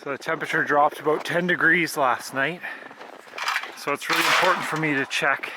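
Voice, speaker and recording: A man's voice: on the high side, fairly even intonation, brisk. A man co-hosting an outdoor vlog in a casual, conversational way. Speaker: vlog co-host. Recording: clear outdoor background noise.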